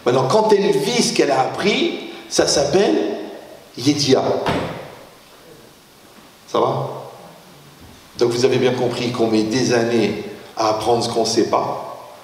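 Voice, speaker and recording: A middle-aged man lectures as a rabbi, animated and jokey, often acting out little dialogues and asking the room whether they follow. His voice sits in a middle register. It is caught from a distance, with long echo ringing through the hall. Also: medium pitch, a little slow, pauses often. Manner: animated, jokey, acts out quoted exchanges; often checks in with the audience. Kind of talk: lively religious lecture with humor. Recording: echoey hall, heard from far off.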